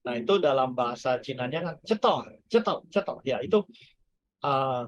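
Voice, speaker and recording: An older man giving a lively sermon as a guest speaker at a church service, asking his listeners questions and swinging between loud exclamations and quiet asides. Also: mid-range voice, moderate pace, lo-fi sound.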